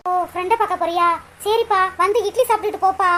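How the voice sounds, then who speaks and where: A fretful mother from a cartoon, voiced by a performer, talking fast in an extremely high, squeaky voice. She nags and pleads with her grown son. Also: fairly even intonation, sharp tone, slight background noise. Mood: nagging. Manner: pleading, nagging.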